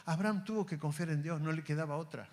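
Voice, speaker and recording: Speaking with an Argentine Spanish accent in a fairly high voice, a man preaches to his congregation, calling them brothers and posing many rhetorical questions. When quoting God, he drops to a soft, slow voice.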